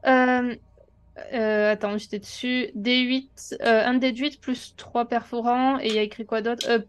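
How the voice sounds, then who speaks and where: Higher-pitched, hesitant woman playing a tabletop game. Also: level tone, a little slow, smooth. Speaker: tabletop role-playing player. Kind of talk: casual game chat.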